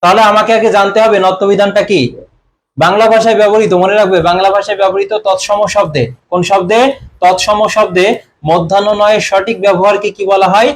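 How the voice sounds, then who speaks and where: A young man teaching an online exam-prep grammar class, often quizzing his students and clearing his throat. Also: sits high, flat delivery, brisk. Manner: quizzing students with repeated questions. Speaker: admission coaching teacher.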